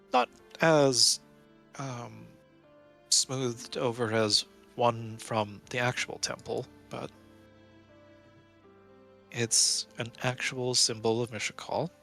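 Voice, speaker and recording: A man's voice: mid-range voice, fairly even intonation, drawn-out words, gravelly, long pauses, sharp tone, soft background music. A man narrating a tabletop game as game master, chatty and trailing off into asides. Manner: chatty, laughs often, trails off.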